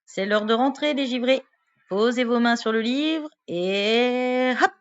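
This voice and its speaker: A woman voicing a cheeky, excitable little male elf, exclaiming playfully as in a storybook read to a toddler. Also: a little high, slow, lo-fi sound.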